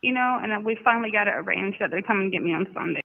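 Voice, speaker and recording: A woman's voice: medium pitch, very fast, gravelly. Woman on a tinny prison phone. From Georgia, US. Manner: calm, rambling, with fillers. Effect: heard over a prison phone line. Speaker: inmate on trial. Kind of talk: casual phone chat. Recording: tinny prison phone line with faint hiss.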